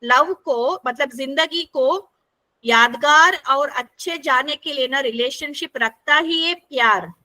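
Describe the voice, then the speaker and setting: A woman's voice: high voice, takes it slowly, pushed and bright. A woman facilitating an interactive workshop for a group, talking conversationally and often checking in with her listeners.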